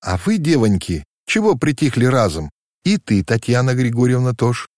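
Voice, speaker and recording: A man voicing a bold, mocking young servant girl with a quick, teasing folksy way of talking in a storybook reading. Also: medium pitch, very animated, a little mellow, no room sound, studio quality, pitched above the performer's own voice. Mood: cheerful.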